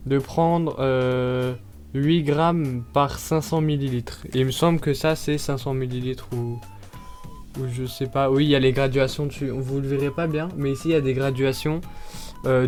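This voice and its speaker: A man's voice: mid-range voice, a little mellow. A man chatting casually while unboxing products, hesitating often with fillers and breaking into short laughs.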